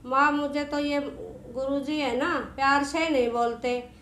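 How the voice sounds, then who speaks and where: A woman's voice: high voice, fairly even intonation, unhurried, a bit bright, roomy sound, slight background noise. A woman doing a hurt little schoolgirl.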